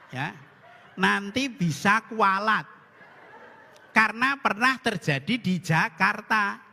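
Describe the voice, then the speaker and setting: High, bright-voiced priest joking in a reverberant hall. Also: male voice, gravelly. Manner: jokey storytelling, acting out dialogue. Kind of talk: humorous sermon.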